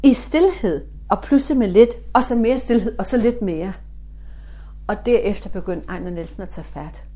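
A middle-aged woman from Denmark, a spiritualist medium, telling a story in an animated way and acting out the dialogue in different voices. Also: mid-range voice. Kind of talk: storytelling talk.

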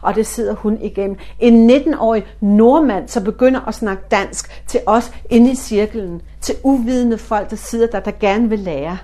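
A middle-aged woman from Denmark tells a story in a lively, animated way. She is a spiritualist medium, and she slips into different voices to act out the dialogue as she goes. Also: on the high side, hardly any pauses. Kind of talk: storytelling talk.

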